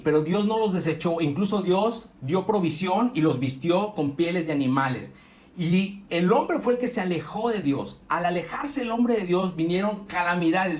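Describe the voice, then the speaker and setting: Middle-aged male youth pastor from Mexico, earnest sermon delivery, fairly high voice, echoey room. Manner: earnest, rises and slows for emphasis, frequent self-corrections.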